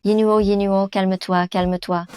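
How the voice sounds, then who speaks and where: A woman's voice: medium pitch, little pitch movement, normal speed, darkish tone, clear, resonant tone, faint music behind, close to an everyday voice. A woman dubbing a spiteful office colleague who sides with the bully. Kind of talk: French drama dubbing.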